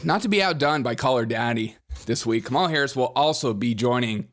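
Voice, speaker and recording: A man hosting a political commentary show, sarcastic, mocking and energetic. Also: mid-range voice, a little fast. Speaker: host.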